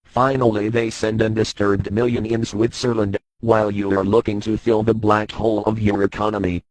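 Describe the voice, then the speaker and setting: A man reading out an anonymous statement in a disguised deep voice, slow and deliberate. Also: level tone, darkish tone, no room sound, poor audio. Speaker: anonymous speaker reading a message. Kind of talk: read-out political statement.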